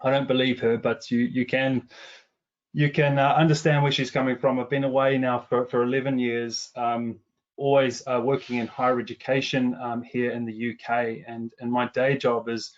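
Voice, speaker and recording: Presenting research as a commercial director, a middle-aged man from New Zealand walks a webinar through survey results, his measured business delivery full of fillers and restarts. Years in England have partly anglicized his accent. His voice sits mid-range on a muffled recording.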